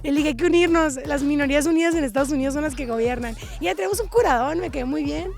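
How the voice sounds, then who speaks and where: A woman's voice: high-pitched, very fast, darkish tone. A young Mexican woman with a Mexican accent vlogging on her phone in airports, chatty, slangy and worn out from travel. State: tired from travel. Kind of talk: casual travel vlog. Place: airports, in transit.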